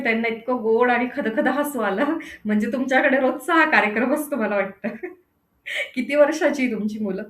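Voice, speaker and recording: A woman's voice: high voice, fairly bright tone, roomy sound. A woman giving a parenting lecture who keeps asking her listeners questions and repeats phrases for stress. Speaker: parenting coach.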